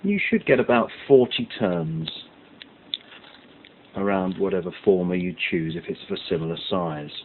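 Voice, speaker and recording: His voice sits low, with lively intonation and a moderate pace, as he presents a step-by-step science demonstration. Each step gets a methodical explanation, and key words are stressed. The audio is muffled and lo-fi, with hiss behind it.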